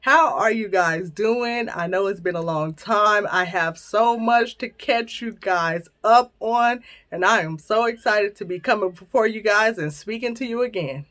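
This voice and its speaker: A woman's voice: mid-range voice, unhurried, hardly any pauses. A woman in her thirties hosting her own vlog, chatting casually and playfully with viewers. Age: 30s. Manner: lively, chatty, playful storytelling. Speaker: channel host.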